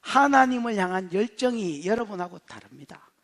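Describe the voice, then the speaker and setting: A male pastor with a Gyeongsang Korean accent preaches in a church sanctuary. His voice sits very high and rings bright and forceful. He talks bluntly and colloquially, swinging from shouting to whispering. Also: expressive, normal speed. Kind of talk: expository sermon.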